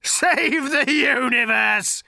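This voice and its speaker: Give me a vengeful creature that snarls and hisses slowly, as a man does the voice, bright edge, dry recording. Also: on the high side, very animated, dry recording, pitched above the performer's own voice, exaggerated voice. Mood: contemptuous. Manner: snarling, hissing, slow and menacing. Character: bitter vengeful male creature, waddling, hateful. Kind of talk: audiobook character voice.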